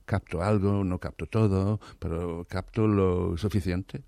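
A man speaking Spanish as a learned language, hoarse today, talking eagerly in an interview and often restarting or repeating words. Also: low-pitched, steady tone, measured pace, mellow, no echo, clean studio sound. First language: not Spanish. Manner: enthusiastic, restarts words, many repetitions. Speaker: interview guest, literary scholar. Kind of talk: thoughtful conversational interview.

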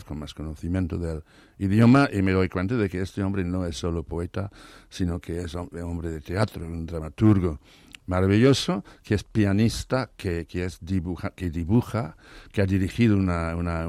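A hoarse man with a very deep voice and a gravelly rasp, speaking in a learned, non-native Spanish. He talks eagerly in an interview, often repeating himself and restarting words. The sound is dry and close. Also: darkish tone, no echo. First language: not Spanish. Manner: enthusiastic, restarts words, many repetitions. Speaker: interview guest, literary scholar. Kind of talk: thoughtful conversational interview.

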